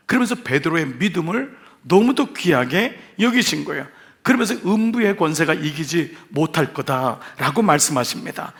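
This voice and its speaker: A man preaching a revival sermon as senior pastor in a church, lively and dramatic, acting out the lines of the people he quotes. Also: fairly high pitch. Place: church sanctuary.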